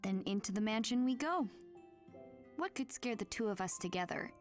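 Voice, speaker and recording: An actress playing a plucky, friendly teenage girl in a video game dub, earnest and clearly spoken. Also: mid-range voice, expressive, moderate pace, soft background music, natural voice. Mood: friendly, curious.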